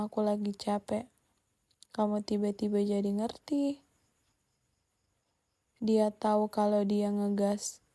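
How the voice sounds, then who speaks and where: A woman's voice: medium pitch, warm tone. A woman hosting a scripted relationship advice monologue, speaking bluntly and directly to the listener. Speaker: host.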